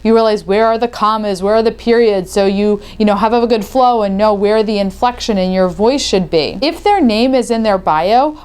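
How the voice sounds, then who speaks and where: A woman from the US, hosting her podcast show and giving energetic, chatty tips. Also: mid-range voice, normal speed, few pauses, smooth. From Northeastern United States. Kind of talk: upbeat video tips talk to camera.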